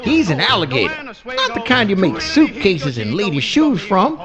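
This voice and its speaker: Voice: medium pitch, wildly swooping pitch, moderate pace, over music. An actor voicing a mild-mannered male possum in folksy swamp dialect with mangled grammar, in a live radio play. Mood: folksy narrating.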